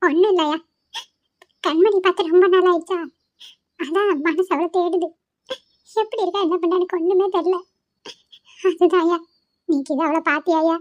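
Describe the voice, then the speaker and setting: An old cartoon grandmother, voiced by a woman with a high, quavering voice. She pleads and scolds by turns with motherly force. The sound is dry and close, with no room around it. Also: fairly even intonation, quick pace, no room sound, dull audio, natural voice. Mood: pleading. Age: older. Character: tearful old grandmother, stern with her son. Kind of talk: cartoon voice acting.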